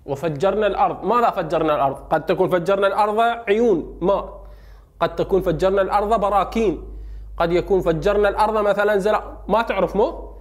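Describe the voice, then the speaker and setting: Fast, high-voiced Iraqi Arabic teacher. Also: male voice. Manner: quizzes students with quick questions and answers himself. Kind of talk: recorded grammar lesson.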